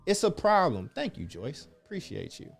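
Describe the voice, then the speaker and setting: A man's voice: a little high, huge pitch swings, moderate pace, gravelly, soft background music. A man from the Chicago area, raised in Oakland, hosting a casual virtual happy hour and talking in an emphatic, slangy way. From born in Chicago area, raised in Oakland. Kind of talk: casual livestream chat reading comments.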